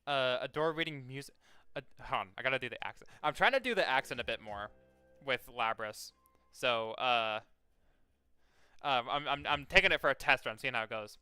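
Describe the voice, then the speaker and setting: Young male streamer, clear bright tone, dry close mic; loose rambling chatter full of "like"s, casual cursing. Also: medium pitch, expressive, moderate pace, no room sound, faint music behind. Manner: rambling, lots of fillers and restarts, swears freely. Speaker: game streamer. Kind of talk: casual live-stream chat and reading game text aloud.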